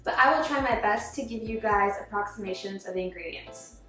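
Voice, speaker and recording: A woman's voice: mid-range voice, a little fast, echoey room, over loud music. A young woman from Jamaica, chatting casually and jokingly as she hosts her cooking vlog. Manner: bubbly, jokey, laughs often. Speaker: cooking vlogger.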